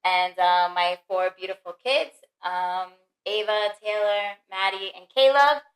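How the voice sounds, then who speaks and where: A woman's voice: mid-range voice, a little slow. A woman on a family podcast, speaking earnestly and reflectively in casual, heartfelt talk. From the Bronx, New York. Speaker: mother and podcast guest. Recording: roomy echo.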